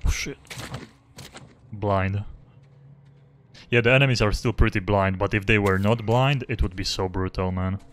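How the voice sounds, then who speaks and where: Lowish-voiced young man streaming a game. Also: a little slow, pauses often, slight background noise. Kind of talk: casual live gameplay commentary. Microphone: close desk microphone without pop filter. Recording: faint game music behind.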